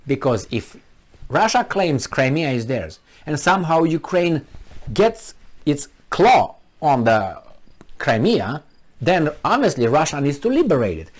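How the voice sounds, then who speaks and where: A commentary channel host with a Romanian accent, originally from Transylvania, delivers an argumentative political monologue full of rhetorical questions. His voice is a little high and sing-song, and he speaks a little slowly.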